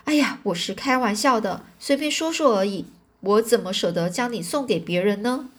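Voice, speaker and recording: A possessive, hot-tempered old warlord speaks in a blustering, commanding way, voiced by a woman reading a storybook. The voice is pushed a little louder than her narration. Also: mid-range voice, animated, normal speed, lightly acted. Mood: coaxing.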